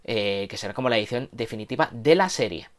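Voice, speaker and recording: A man in his thirties with a Castilian Spanish accent from Spain co-hosts a manga and anime news show, chatting casually in a hesitant, slangy way. His medium-pitched voice is fast with lively intonation. He's on a lapel mic in a home room with bookshelves.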